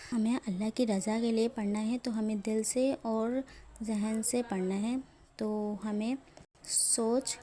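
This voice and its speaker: A woman's voice: fairly high pitch, dark tone, a little hiss or hum. A woman teaching a religious lesson on Quran recitation, explaining carefully and repeating words to show how they are pronounced.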